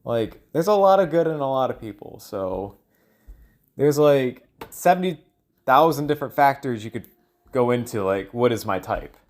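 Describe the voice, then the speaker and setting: Medium in pitch and animated at a moderate pace, this solo audio log creator muses aloud without much structure. He frequently falters and lets sentences trail away as he searches for the right words.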